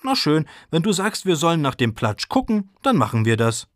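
A man's voice: on the high side, very animated, normal speed, no echo, clean studio sound, pitched above the performer's own voice. A man voicing a young girl who is firm and eager, earnest and a bit stammering in a read-aloud storybook. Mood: girlish, earnest.

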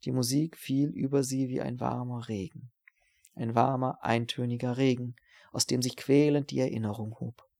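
A man reading a novel aloud as an audiobook narrator, in a measured, even storytelling voice. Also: mid-range voice, creaky.

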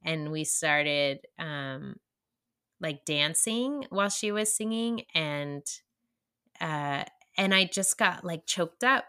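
Bright-voiced woman, halting and earnest. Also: low voice, expressive, clear, resonant tone. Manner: halting, many fillers and restarts, earnest. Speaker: podcast co-host. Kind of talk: casual podcast chat.

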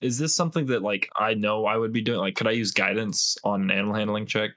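A man playing in a tabletop game who asks hesitant questions padded with ums and likes. His voice sits low, and the recording is dry and close. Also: steady tone, fast, fairly bright tone, dry recording. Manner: hesitant, filler-heavy questions. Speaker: player. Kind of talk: casual game chat.

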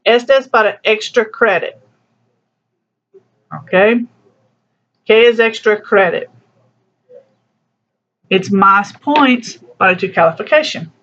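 Slow, patient teacher on a dull recording. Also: medium pitch, fairly bright tone. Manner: slow, patient explanations mixing broken Spanish with English. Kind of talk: recorded class lesson walking through a textbook.

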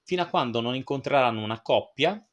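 A man's voice: medium pitch, lively intonation, quick pace, a bit bright. A man hosting a film-review podcast, talking casually and digressively with frequent fillers and asides. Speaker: podcast host reviewing films.

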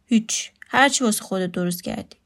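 A woman's voice: medium pitch, fairly bright tone, natural voice. A woman voicing a sarcastic, teasing houseguest. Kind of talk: read storytelling.

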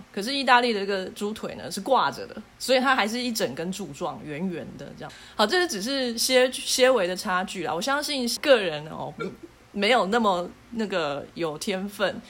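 Brief: middle-pitched woman host, casual and teasing. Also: a bit bright. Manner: explanatory, playful, teasing co-host. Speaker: podcast host. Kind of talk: casual podcast chat.

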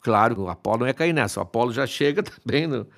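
A man's voice: medium pitch, animated, quick pace, vocal fry. A man casually retelling a myth, chatty and playful, with frequent asides to his listeners. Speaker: storyteller.

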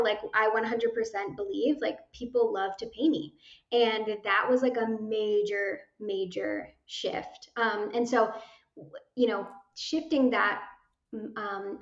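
A young woman talking casually as a guest, chatty, swearing freely and filling her speech with "like" and "you know.". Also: fairly high pitch. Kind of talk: casual chat. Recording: roomy, dull lo-fi sound.

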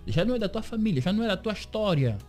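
A man being interviewed on the radio as a series creator, telling his story with lively acted-out quotes of other people. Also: high-pitched, racing, faint music behind. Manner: animated storyteller, acts out quoted dialogue. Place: radio studio.

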